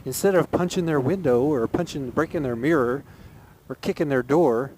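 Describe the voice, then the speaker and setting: A Texan motovlogger talks casually and earnestly into his helmet mic while riding, sharing opinions and repeating phrases for emphasis. His voice is a little high and his pace normal. The rough recording is full of wind and engine noise.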